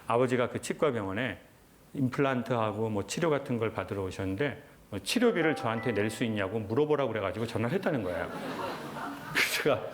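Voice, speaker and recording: A man lecturing in an earnest, reflective way, telling a personal story in short, measured phrases. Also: mid-range voice, lively intonation, a little hiss or hum. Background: background music.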